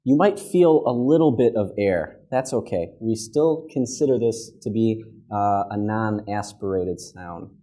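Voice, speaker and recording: Slow, mellow male teacher. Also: on the low side. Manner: slow, patient, repeats model words many times. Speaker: English pronunciation teacher. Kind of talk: classroom pronunciation lesson. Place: classroom at a whiteboard.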